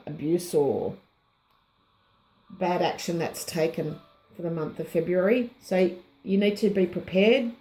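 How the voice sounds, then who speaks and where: A woman giving a casual tarot reading, slightly hoarse and unhurried, pausing often with ums as she muses over the cards. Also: on the low side, mellow, reverberant, rough recording. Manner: unhurried, musing, many ums and pauses. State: slightly hoarse, losing her voice. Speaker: tarot reader.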